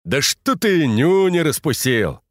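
A man's voice: fairly high pitch, big pitch swings, slow pace, dry recording, studio quality, pitched above the performer's own voice. A man voicing a boisterous, bantering Moscow drinker nicknamed the cruiser, in an audiobook. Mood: hearty. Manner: loud, hearty, bantering.

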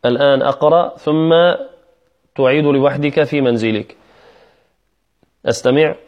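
Patient man teaching recitation, lo-fi. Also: a little high. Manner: patient, repeats drawn-out example words. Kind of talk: recitation lesson, explaining and modeling. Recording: dull lo-fi recording.

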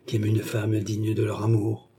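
A melancholy young nobleman, performed by a male reader speaks with formal, gracious courtesy. His voice is dark and husky. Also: fairly low pitch, completely flat delivery, moderate pace. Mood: sorrowful.

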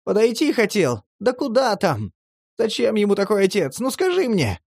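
A man voicing a touchy, tearful homeless male addict in a horror audiobook, talking in a shrill, agitated, pleading way. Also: animated, measured pace, no room sound, studio quality. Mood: aggrieved. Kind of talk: audiobook character voice.

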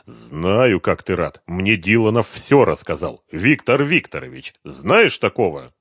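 A man voicing a cold, contemptuous man who calmly threatens a traitor. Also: sits low, vocal fry, husky, no room sound, studio quality, exaggerated voice. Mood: menacing. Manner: measured, threatening, scornful.

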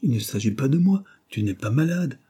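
A man voicing a gentle, devoted young married daughter who speaks softly and pleads with worry. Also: mid-range voice, big pitch swings, fairly quick, slightly rough, pitched above the performer's own voice. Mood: worried.

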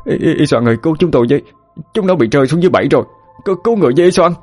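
A man's voice: on the high side, animated, very fast, darkish tone, faint music behind, pitched above the performer's own voice. A man voicing frightened male villagers in a spoken story, pleading frantically for rescue. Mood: panicked.

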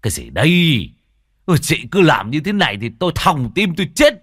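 A man's voice: low voice, big pitch swings, normal speed, no echo, studio quality, heavily acted. A man playing a bossy old village sorcerer. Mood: scolding. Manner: loud, barking orders.

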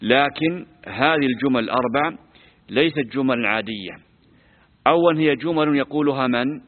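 Man teaching scripture, tinny hall echo. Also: mid-range voice. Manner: quizzes listeners, repeats words slowly to teach pronunciation. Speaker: sheikh teaching Quran commentary. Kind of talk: classroom lesson on scripture. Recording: tinny lo-fi recording with long hall reverb.

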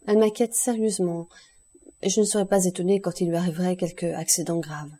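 A society lady speaks in a smooth, falsely caring manner, as a woman reading an audiobook plays her. The voice is dark and mellow with a husky edge. It sounds like a figure in a storybook. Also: lowish voice, steady tone, quick pace, natural voice. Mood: solicitous.

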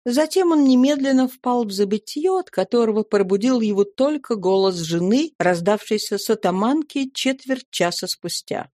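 A woman reading a classic novel aloud in measured, expressive narration. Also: a little high, dry recording, clean studio sound. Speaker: audiobook narrator. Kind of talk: scripted narration.

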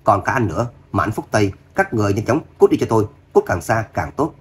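A man's voice: fairly low pitch, very animated, fast, a little hiss or hum. A man voicing a fiercely loyal, hot-tempered young woman in an audiobook. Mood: furious. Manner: angry, panting.

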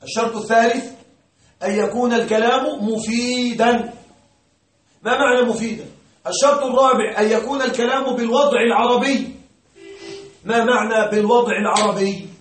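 A man's voice: very high voice, steady tone, a little fast. A man teaching grammar to a class, often asking a question aloud and then answering it himself. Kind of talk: classroom lecture. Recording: roomy, distant mic.

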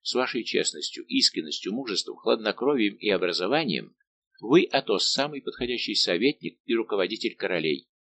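A man reading aloud voicing a lively, bantering middle-aged musketeer captain. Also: on the low side, brisk, slight background noise. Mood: persuasive. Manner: warm, bantering and persuasive.

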